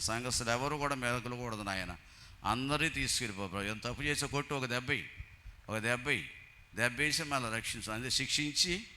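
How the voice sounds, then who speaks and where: A man delivering a church sermon in an intensely bright, sharp-edged voice. He tells anecdotes and acts out the voices of the people in them. Faint noise sits under the recording. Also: medium pitch. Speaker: preacher.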